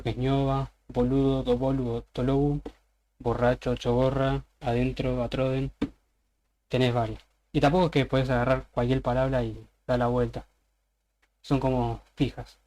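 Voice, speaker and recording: A man's voice: mid-range voice, a little mellow. A man with an Argentine accent giving an informal presentation, casually explaining slang word by word with examples. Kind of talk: informal presentation on a voice chat server.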